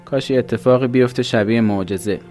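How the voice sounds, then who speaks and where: A man's voice: mid-range voice, a little mellow, faint music behind, voice pushed up, natural voice. A man doing a fervent teenage boy. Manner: fervent, hopeful.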